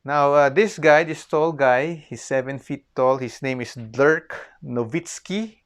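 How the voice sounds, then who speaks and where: In an unhurried, mid-range voice, a Filipino-accented man from the Philippines delivers a casual, explanatory history lecture. He often says "okay" to check in with listeners and repeats phrases to stress his points.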